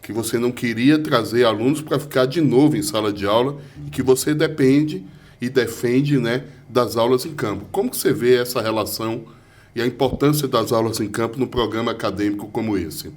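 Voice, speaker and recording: A man's voice: mid-range voice, brisk. Man hosting an interview. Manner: warm conversational, frequent "né". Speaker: interview host. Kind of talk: interview conversation.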